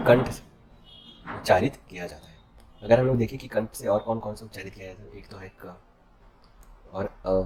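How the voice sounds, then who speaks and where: A male teacher with a fairly low, slightly mellow voice runs an exam-prep lesson as a drill. He poses questions and answers them himself, checking in with the class with an "okay?" after nearly every point.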